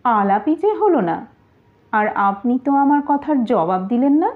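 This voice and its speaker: A woman's voice: a little high, lively intonation, unhurried. A woman voicing a haughty, mocking young courtesan who speaks in a teasing, scornful way. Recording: tinny phone-like audio.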